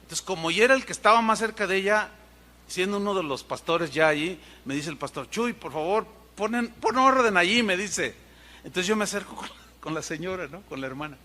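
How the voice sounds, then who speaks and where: A man preaching, telling humorous anecdotes in an animated way and imitating sounds. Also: sits high, a little fast. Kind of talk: sermon storytelling.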